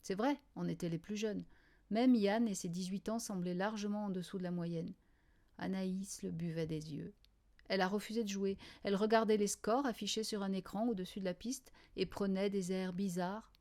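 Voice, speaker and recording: A woman narrating a children's novel in the first person, in a quiet, wry diary style. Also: mid-range voice, fairly even intonation, moderate pace. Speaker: audiobook reader.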